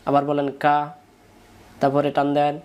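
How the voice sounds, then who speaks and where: A man's voice: fairly high pitch, completely flat delivery, moderate pace, darkish tone, clear, resonant tone, dull audio. A man with a Bangladeshi Bengali accent teaching Quran recitation rules, patiently drilling syllables and asking his pupils to repeat after him. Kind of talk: spoken lesson with call-and-repeat drills.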